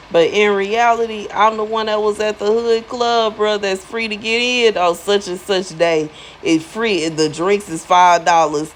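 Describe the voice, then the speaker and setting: With a mid-range voice, this spiritual influencer in her thirties gives her viewers a casual, chatty monologue full of slang, emphasis and repetition for effect. Slight background noise sits under the low-quality recording.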